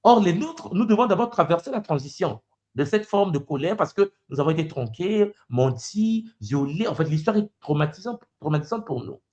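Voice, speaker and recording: A man's voice: a little high, lively intonation, moderate pace, a little mellow, lo-fi sound. A man hosting a conversation, pressing his points and often cutting in to steer the talk. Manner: probing, interrupts to press a point. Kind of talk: conversational debate.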